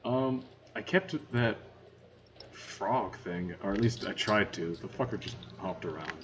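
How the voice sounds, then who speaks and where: Low-voiced man swearing through game banter. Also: unhurried. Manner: profane, excitable banter. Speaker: player. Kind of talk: casual tabletop game chat. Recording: dull, noisy home recording.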